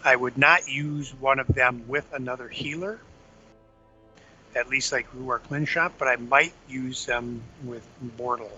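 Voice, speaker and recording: Bright-voiced man explaining game tactics. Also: medium pitch, steady tone, unhurried. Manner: explains patiently, chewing candy. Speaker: older brother giving game tips. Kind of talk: casual gaming walkthrough chat. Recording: dull lo-fi sound with faint music.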